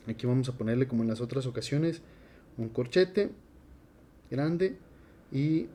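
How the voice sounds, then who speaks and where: Relaxed man teaching at a board. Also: medium pitch, slight background noise. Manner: relaxed, conversational, with many fillers. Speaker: Latin teacher. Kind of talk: casual classroom lecture at a board.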